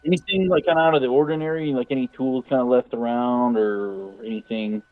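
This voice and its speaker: A man's voice: mid-range voice, steady tone, brisk, no echo, narrow, tinny audio. Man chatting as a tabletop player. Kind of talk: casual chat.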